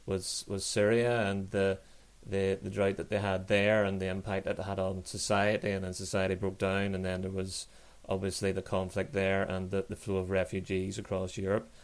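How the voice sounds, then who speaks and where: A man speaking as a podcast guest, earnest and halting, with many restarts. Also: low voice, completely flat delivery, clean tone. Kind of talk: discussion.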